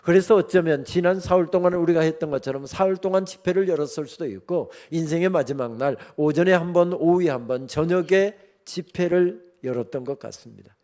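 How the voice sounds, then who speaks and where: A man's voice: a little high, brisk, hardly any pauses, mellow. A man giving a sermon as guest preacher at a revival meeting, telling the story with humorous asides to the congregation. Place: church sanctuary.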